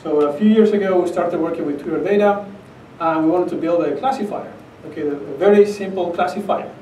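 A middle-aged Argentine-accented man delivers an academic conference talk from a podium at a fairly quick pace, his darkish voice a little higher than most men's. His style is emphatic and conversational, with frequent check-ins with the audience. Recorded from across an echoey conference room with a projector screen, the audio has a little hiss or hum.

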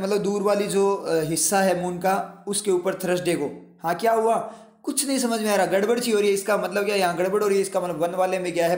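A man's voice: high voice, reverberant. A man teaching an English exam lesson in Hindi, explaining each step and asking his students rhetorical questions.

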